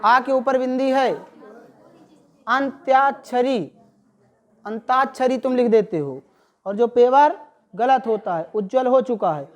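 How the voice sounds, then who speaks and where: A woman teacher taking a classroom spelling lesson, saying each word slowly and over again and putting questions to her students. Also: on the high side. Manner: drills words by slow repetition, asks the class questions.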